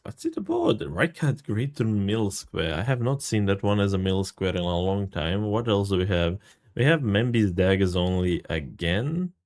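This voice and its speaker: Male streamer, lower voice with a lively, swinging delivery; casual live game commentary, chatty with viewers, swears freely. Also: moderate pace. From Serbia. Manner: casual, greets and thanks chat, swears freely.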